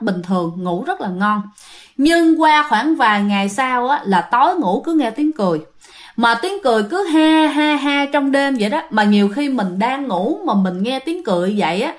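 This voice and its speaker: Chatty woman storyteller. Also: a little high. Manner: chatty, many fillers, addresses the audience directly. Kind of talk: casual ghost-story narration to listeners.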